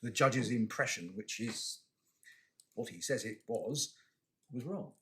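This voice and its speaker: A man's voice: medium pitch, lively intonation, takes it slowly, a bit bright. Probing male judge, noisy recording. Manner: probing, hesitant restarts. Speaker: appeal judge. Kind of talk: questioning counsel in court. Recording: clearly noisy courtroom audio.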